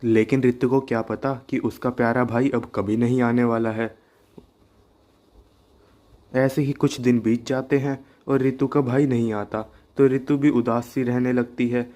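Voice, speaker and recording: A man's voice: medium pitch, fairly even intonation, unhurried, warm tone. A man narrating a cartoon ghost story in a plain, conversational way, linking lines with filler words.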